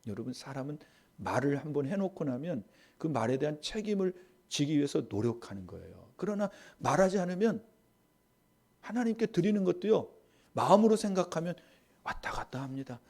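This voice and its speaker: A man, a pastor, preaching a sermon, rising to loud emphatic stress and dropping to soft asides. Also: a little high, big pitch swings, a little fast.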